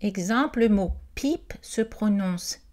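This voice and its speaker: A woman's voice: medium pitch, expressive, takes it slowly, darkish tone. A woman reading an informational presentation aloud, carefully and with the odd hesitant aside. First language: not Quebec French.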